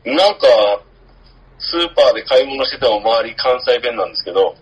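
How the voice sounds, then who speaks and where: Male co-host, mid-pitched and hesitant, filler-heavy casual talk on dull lo-fi audio. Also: breathy edge. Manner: hesitant, halting with frequent fillers. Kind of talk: casual chat.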